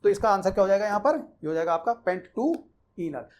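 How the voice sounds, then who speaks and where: A man's voice: high-pitched, animated, fairly quick. Man, chemistry teacher, online lesson, conversational, explanatory, repeats key rules. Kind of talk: explaining IUPAC naming in a Hindi-English mix.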